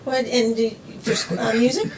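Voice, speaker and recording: A woman's voice: fairly high pitch, moderate pace, darkish tone, a little hiss or hum. A woman hosting a radio interview, prompting her guests in a friendly, laughing way. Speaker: radio host. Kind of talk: casual interview chat. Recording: voice heard from a distance off the mic.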